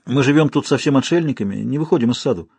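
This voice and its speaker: A man reading an audiobook, voicing a tormented man who hisses and shouts in fear and anger. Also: mid-range voice, quick pace, gravelly, slightly rough, no echo. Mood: agitated. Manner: agitated, hissing, breaking into shouts. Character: tormented, agitated man, bitter and fearful.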